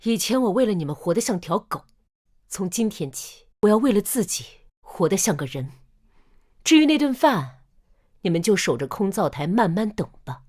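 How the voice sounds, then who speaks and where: A woman's voice: medium pitch, sing-song, moderate pace, a little mellow. An actress playing a fed-up older mother-in-law standing up for herself, pointed and sardonic, in a melodramatic short drama. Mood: cold resolve.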